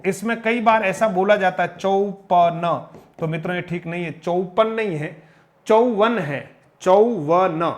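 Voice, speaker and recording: A man teaching Hindi number words, repeating each one and correcting common mispronunciations. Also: sits high. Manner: repeats and corrects each word, addressing viewers as friends; slow, emphatic drilling of pronunciation. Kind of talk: spoken grammar lesson.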